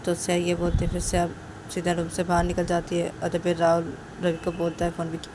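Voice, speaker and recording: A woman's voice: on the low side, completely flat delivery, brisk, noisy background. A woman telling a romance story, linking events with repeated connecting words in a plain narrating voice. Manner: repetitive, linking clauses with "then".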